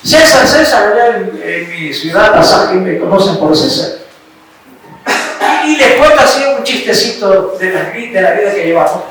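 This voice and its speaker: A man's voice: high-pitched, animated, moderate pace, fairly bright tone. A man with an Ecuadorian accent preaching a sermon, telling a personal story and checking in with his listeners with little questions. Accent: Ecuadorian Spanish. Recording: very echoey room, mic far off, faint hiss.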